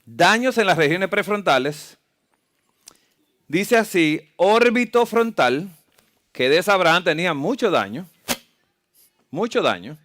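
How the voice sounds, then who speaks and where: A man's voice: high-pitched, big pitch swings, measured pace, pauses often, fairly bright tone. A man preaching a sermon that mixes medical slides with scripture, asking the congregation frequent rhetorical questions. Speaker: preacher and health lecturer. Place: church camp meeting.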